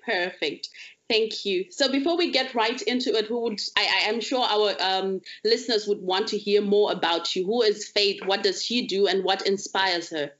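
A woman's voice: medium pitch, moderate pace, a bit bright, dull audio. A woman hosting a podcast, introducing and questioning a guest in a conversational way. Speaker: podcast host. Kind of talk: conversational interviewing.

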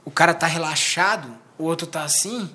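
A man who talks fast in loose, slangy street speech. He breaks down rap battles like a working MC and acts out rhymes now and then. Relaxed podcast chat. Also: fairly high pitch.

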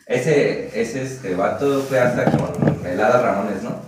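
A man's voice: lowish voice, a little slow, distant mic, heavy background noise. A man with a Mexican accent co-hosting a podcast, talking casually in heavy slang with "güey" in every phrase. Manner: slangy, says "güey" constantly. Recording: echoey room, voice from afar.

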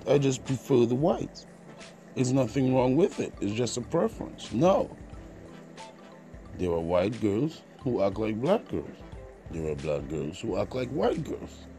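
This podcast host, a man from Trinidad and Tobago with partial Jamaican roots, speaks with a Caribbean accent on his informal solo show. He comes across earnest and preachy, repeating points for emphasis. His mid-range voice swings widely in pitch, unhurried and warm, with faint music in the background.

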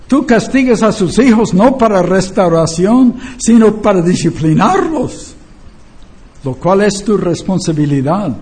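An older man with a high-pitched, slightly mellow voice preaches and teaches in Spanish, which is not his native language. He speaks emphatically, repeating key phrases and posing rhetorical questions.

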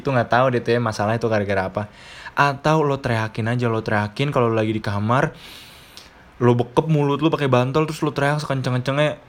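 Slangy young man from Jakarta. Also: medium pitch. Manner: chatty, slangy, blunt, swears casually. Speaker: podcast host. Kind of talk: casual monologue.

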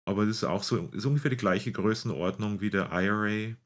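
Talking fairly quickly in a lowish voice, this middle-aged guest walks through US retirement investing. His accent is Bavarian German with an American tinge. The explanation is casual, with frequent pauses to find words and drifts into English.

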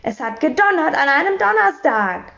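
A woman voicing an excitable, mild-mannered gentleman who talks giddily in a sing-song way. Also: sits high, normal speed, vocal fry, highs cut off, pitched above the performer's own voice, heavily acted. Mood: giddy.

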